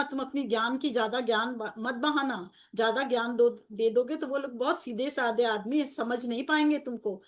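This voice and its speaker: A woman narrating a devotional story in an earnest, repetitive way, with many fillers and restarts as she voices the dialogue. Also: a little high. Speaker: spiritual storyteller.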